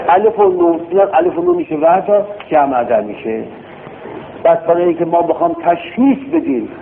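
A man's voice: a little high, slight background noise. A man teaching a classroom grammar lesson, drilling words and quizzing his class. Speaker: religious studies teacher. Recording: tinny phone-like lo-fi recording.

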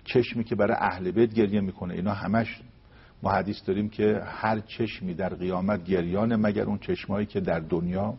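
A man giving a religious talk, telling a story and reciting verses slowly and deliberately. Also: lowish voice, steady tone, breathy edge, muffled recording. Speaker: religious speaker.

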